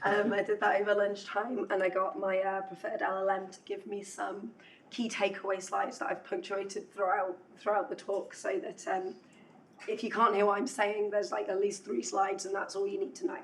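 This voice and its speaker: A woman's voice: medium pitch, flat delivery, normal speed, recorded from a distance, low-quality recording. A woman gives a technical talk in a lecture room, her voice fraying as she loses it. She is chatty and self-deprecating, filling gaps with ums. She sits a little back from the mic, with a faint hum in the room. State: losing her voice. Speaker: conference speaker.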